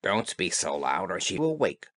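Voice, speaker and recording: Man playing a scheming old mother toad, storybook, deep croaking voice, slow and sly. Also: big pitch swings, a bit bright, dry recording, clean studio sound, exaggerated voice.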